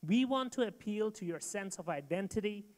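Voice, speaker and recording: A man from Bangladesh giving a rehearsed startup pitch to an audience, emphatic and direct. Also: expressive, moderate pace, darkish tone. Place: event hall. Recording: long hall reverb.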